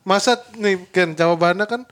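A man's voice: high voice, moderate pace, fairly bright tone. A man in a joking group chat, needling a friend with mock accusations. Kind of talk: casual comedic banter.

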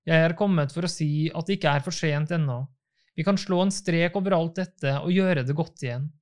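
A man's voice: fairly high pitch, natural voice. A man reading the part of a troubled young groom full of self-doubt, in a despairing, pleading tone.

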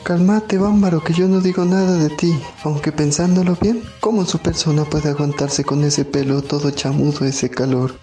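A man playing a polite, proud highland countryman with a Pastuso accent from southern Colombia, in a folksy children's story. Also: fairly even intonation, moderate pace, few pauses, dark tone, soft background music, close to an everyday voice. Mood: mildly indignant. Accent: Pastuso, southern Colombian Andean.

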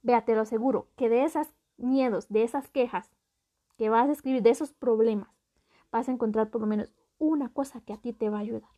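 A woman's voice: on the high side, a little fast, warm tone, lo-fi sound. Upbeat woman giving motivational talk. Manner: encouraging, repeats phrases for emphasis, addresses listener as friend. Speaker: podcast host.

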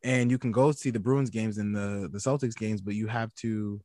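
A man co-hosts a casual podcast, telling stories with a playful, joking manner. His voice sits on the low side, and the close, dry recording has almost no room sound. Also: moderate pace, no echo. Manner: joking, animated storytelling. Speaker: podcast co-host. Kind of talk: casual chat.

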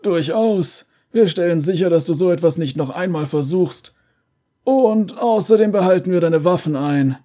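A condescending male official from a video game speaks in a higher register with a dark, mellow tone, put on by a man. He talks down to his captive and sounds falsely friendly. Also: normal speed, lightly acted.

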